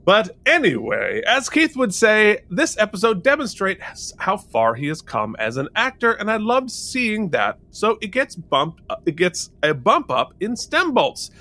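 A man co-hosting a podcast review reads listener comments and jokes around in casual chat, animated and laughing often. His voice is high-pitched and a little slow, with few pauses.

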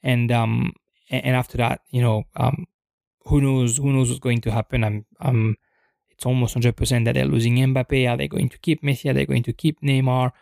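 A young man thinks aloud about football on an unscripted podcast, hesitant and thoughtful, with frequent ums, pauses, and restarts. His middle-pitched voice is gravelly and creaky with a darkish tone and a flat delivery. The recording is dry and close, with no room sound.

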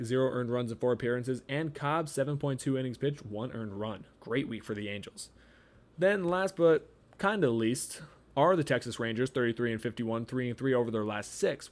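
A man hosting a podcast, reading off a weekly sports recap as quick lists of statistics. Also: medium pitch, darkish tone. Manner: reels off stats in quick lists. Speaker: podcast host.

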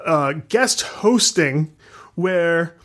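A man's voice: fairly high pitch, animated, extremely slow, fairly bright tone, exaggerated voice. A man mocking a pompous old radio veteran. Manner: pompous, stilted, indignant. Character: pompous older male broadcast radio veteran.

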